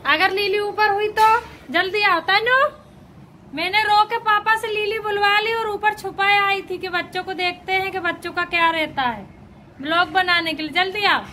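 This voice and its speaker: High-voiced mother coaxing crying kids. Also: moderate pace, sharp tone, slight background noise, poor audio. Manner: coaxing, soothing crying children. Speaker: vlogger and mother. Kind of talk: casual family vlog talk.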